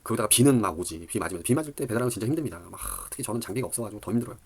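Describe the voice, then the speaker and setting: Rapid, husky man rambling animatedly. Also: fairly low pitch. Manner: rambling, animated storytelling with many fillers. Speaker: dating advice lecturer. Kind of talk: casual monologue.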